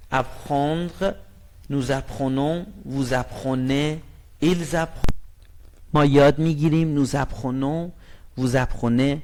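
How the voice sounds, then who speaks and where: A man teaching a language lesson, explaining grammar in a friendly way and reading example sentences very slowly and clearly. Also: medium pitch, darkish tone. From Iran.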